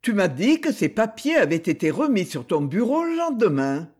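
A man reading a novel aloud, voicing an indulgent nobleman who gently reproaches his cousin. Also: high voice, big pitch swings, moderate pace. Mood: calm, reproachful. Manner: mildly reproachful.

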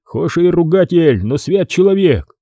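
Peasant: man reading a fearful, churchy villager, raised voice, lively lilt. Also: a little high, measured pace, no room sound, pitched above the performer's own voice. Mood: coaxing. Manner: pleading, folksy. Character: timid, pious middle-aged peasant man.

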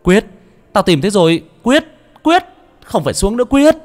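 A man voicing Tuấn Anh, a frantic young man shouting. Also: high voice, sing-song, normal speed, soft background music, voice pushed up. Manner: shouting, anguished.

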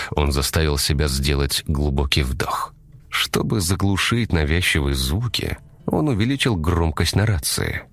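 A man reading a thriller audiobook in a measured, dramatic storytelling manner. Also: a bass voice, a bit bright. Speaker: narrator. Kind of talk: scripted audiobook narration.

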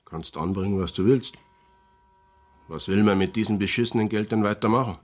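An actor playing a bitter, gruff male drifter after the war in a radio drama, husky and sullen. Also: on the low side, fairly quick, lightly acted. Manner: gruff, sullen, bursts of anger.

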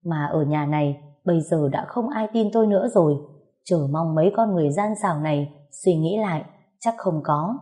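A woman narrating a first-person story in a lively, indignant way. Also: deep voice, brisk.

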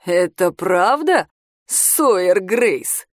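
A woman voicing a drunk, crude, boastful high-school heartthrob boy in a storybook reading, loud and drawn-out. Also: expressive, dry recording, clean studio sound, exaggerated voice.

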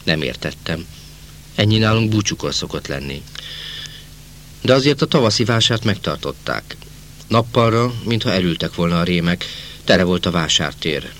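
A man narrating a novel as an audiobook, in a measured first-person storytelling manner. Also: sits low, lively intonation, fairly bright tone, a little hiss or hum. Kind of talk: novel reading.

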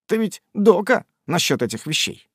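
A quick-witted young son, played by a man reading aloud, teasing his father with a bright, mocking edge. The pitch sits a bit high and moves a lot, recorded close and dry. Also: big pitch swings, breathy edge, no room sound, full character voice. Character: Sam Weller, a cheeky young man.

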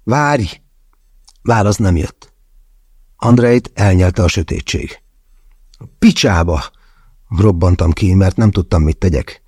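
A man narrating a thriller audiobook in the first person with tense, measured delivery. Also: sits low, mellow, slightly rough, no room sound, clean studio sound.

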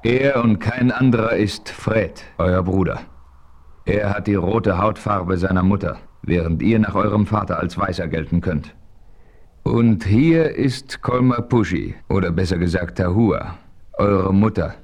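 A male narrator voices a seasoned frontier hero telling of his adventure in 1970s radio play narration. The deep voice comes across firm, steady, measured and commanding.

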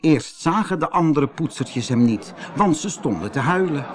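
A man narrating a children's story in an expressive, animated reading. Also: on the high side, moderate pace.

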